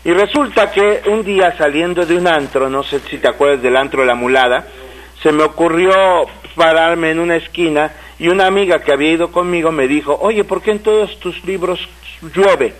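A man's voice: a little high, a little fast, poor audio. Mexican man telling stories on radio. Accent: Mexican Spanish. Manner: animated storyteller, frequent restarts and repeated words. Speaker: radio co-host and writer. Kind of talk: casual radio conversation. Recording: radio broadcast.

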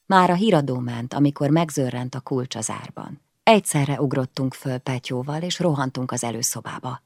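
A woman's voice: extremely low pitch, gravelly, no room sound, clean studio sound. A woman reading a first-person novel aloud in an intimate way, often dropping to a whisper. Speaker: audiobook reader.

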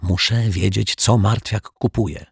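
A man voicing an earnest, slightly bumbling detective in an audiobook, in a gently reasoning manner. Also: fairly low pitch, fairly even intonation, slow, vocal fry, husky, no room sound, clean studio sound, heavily acted. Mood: urgent. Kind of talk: audiobook character voice.

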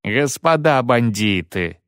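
A man voicing a whining, indignant older woman chaperone with a shrill manner. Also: expressive, takes it slowly, fairly bright tone, clean tone, no room sound, studio quality. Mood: pleading.

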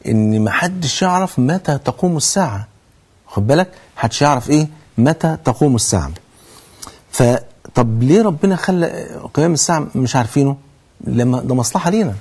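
A man's voice: on the high side, darkish tone, husky. A man with an Egyptian accent preaching a sermon in earnest, asking rhetorical questions and answering them himself. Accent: Egyptian Arabic. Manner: earnest, swears oaths to stress points. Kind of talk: religious sermon.

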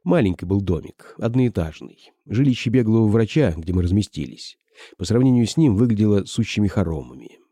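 A man narrating a first-person audiobook in a measured storytelling delivery. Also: fairly low pitch, big pitch swings, warm tone, no echo. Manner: measured, storytelling delivery that shifts into character dialogue.

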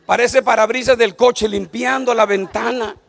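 A man's voice: very high voice, steady tone, normal speed, creaky, faint music behind. A man, preaching a joking sermon to a church congregation and often calling out to them for agreement. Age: 50s. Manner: joking, calls out to the audience with repeated "right?".

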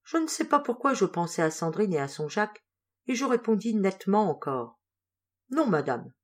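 A woman reading a novel aloud as an audiobook, calm and measured with light expression. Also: medium pitch. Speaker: audiobook reader. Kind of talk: literary audiobook narration.

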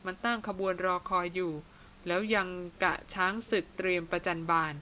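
A woman voicing a frustrated young male companion who speaks slowly and with exasperation. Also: fairly low pitch, steady tone, pushed and bright, slight background noise. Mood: exasperated.

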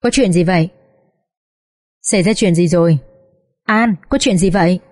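A frightened, trembling mother pressing her daughter with questions on the phone, as a woman narrator gives her voice. The tone is warm and mellow, without sharpness. It is an audiobook reading. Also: fairly low pitch, normal speed, natural voice. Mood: anxious. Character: worried middle-aged mother on the phone.

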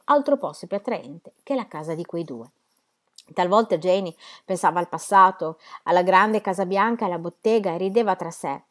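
A woman reading a novel aloud in an even, measured literary style. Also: fairly low pitch. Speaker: reader.

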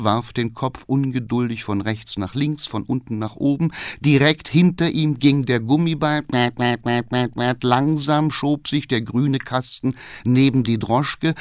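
A man reading a novel aloud for radio, with expressive, theatrical storytelling. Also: mid-range voice, no room sound, clean studio sound.

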